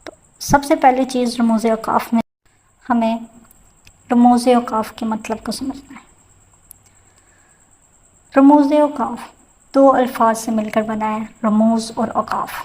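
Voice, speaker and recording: A woman's voice: on the high side, steady tone, pauses often, darkish tone, low-quality recording. A woman teaching a grammar lesson, explaining each point step by step with spoken examples.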